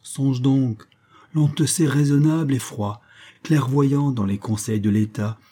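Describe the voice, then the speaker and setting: Young male poet, bold and cunning, impassioned pleas, dark husky tone; a man reads the part. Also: mid-range voice, fairly even intonation, measured pace, pitched above the performer's own voice, close to an everyday voice. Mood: defiant. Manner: impassioned and defiant pleading. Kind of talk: audiobook reading.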